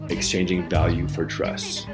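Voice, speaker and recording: Male podcast host, very deep voice, stammering questions. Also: monotone, unhurried, over loud music. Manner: stammering, repeats words as he asks. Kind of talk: podcast interview.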